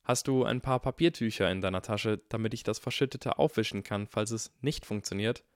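A man voicing an eager, clever young schoolgirl who talks briskly in a storybook reading. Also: lowish voice, no room sound, studio quality, natural voice.

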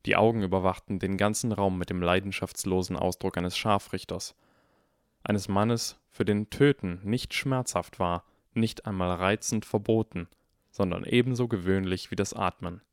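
A man reading a fantasy novel aloud as audiobook narrator, steady and expressive. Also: low-pitched, normal speed, dry recording, clean studio sound. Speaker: audiobook reader. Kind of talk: scripted narration.

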